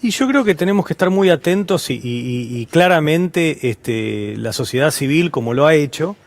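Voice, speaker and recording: Man, Argentine accent, slightly high voice, hesitant, restarts a lot, academic guest. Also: animated. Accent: Rioplatense Spanish. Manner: halting, many restarts and fillers. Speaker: guest professor. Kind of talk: interview answers.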